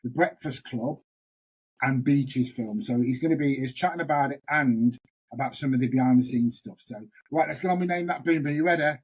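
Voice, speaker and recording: A woman's voice: a bass voice, fairly quick, a little mellow, breathy edge, poor audio. A woman with a Northern English accent hosting a casual podcast chat, playful and laughing often, breaking into song. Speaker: podcast host.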